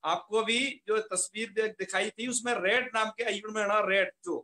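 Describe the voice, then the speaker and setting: Male teacher, high and bright, patient explainer who repeats terms and quizzes himself aloud, echoey room. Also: steady tone, moderate pace. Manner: patient, repeats key terms and asks rhetorical questions. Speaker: Sanskrit grammar teacher. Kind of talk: online class lecture.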